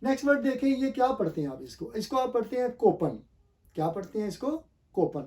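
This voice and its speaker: A man's voice: extremely high pitch, big pitch swings, brisk, a little mellow, far from the mic. A man teaching a pronunciation lesson, asking and answering his own questions and spelling words out letter by letter. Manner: hesitant, many fillers and restarts.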